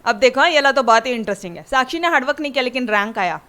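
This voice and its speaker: A woman's voice: sits high, animated, very fast, a bit bright. A woman maths teacher giving a chatty classroom lecture that mixes Hindi and English and keeps checking in with her students.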